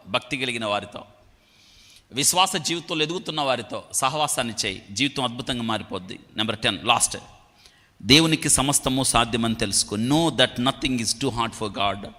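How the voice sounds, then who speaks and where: A man's voice: medium pitch, sharp tone. A man preaching a sermon, emphatic, asking rhetorical questions and having the congregation repeat lines. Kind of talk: sermon with prayer. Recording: long hall reverb.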